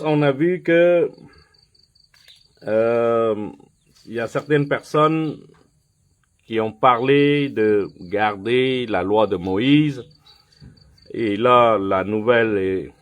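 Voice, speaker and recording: A preacher who is not a native French speaker delivers a sermon and Bible teaching in a mid-range voice, making a few slips in his French. He speaks deliberately, with frequent pauses and fillers, and keeps asking his listeners "ok?"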